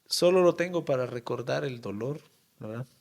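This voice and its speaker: A man with a Honduran accent, a town mayor telling a personal story in an interview, halting and emotional with many pauses and fillers. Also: medium pitch, animated, vocal fry, darkish tone. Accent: Honduran Spanish.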